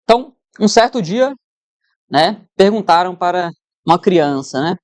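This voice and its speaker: A woman's voice: fairly low pitch, lively intonation, a little slow, darkish tone, no echo, clean studio sound. A woman teacher giving an exam-prep lesson, conversational, who keeps checking in with her students.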